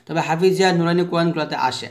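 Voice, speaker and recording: A man teaching the rules of Quran recitation. He asks the class a question, answers it himself, and chants the letter sounds slowly for listeners to repeat. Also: fairly high pitch, steady tone. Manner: has listeners repeat after him. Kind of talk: tajweed lesson.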